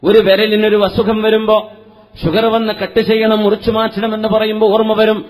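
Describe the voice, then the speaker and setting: A man preaching a sermon, asking the audience many rhetorical questions and chanting Arabic verses in a slow, melodic recitation. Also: sits high, monotone. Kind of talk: Islamic sermon.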